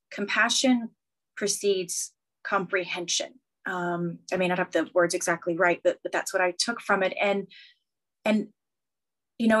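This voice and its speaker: A woman co-hosting a podcast who talks in an earnest, reflective way. Her voice is mid-pitched and ordinary, and she pauses with soft fillers as she gathers her thoughts. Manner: earnest, warm-hearted, reflective. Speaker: podcast co-host.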